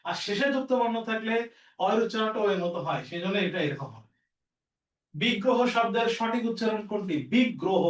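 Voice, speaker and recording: A man's voice: high voice, echoey room, far from the mic, low-quality recording. A man teaching an exam-prep lesson, repeating each rule and quizzing his students as he works through the questions. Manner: repetitive, drilling rules with questions to students.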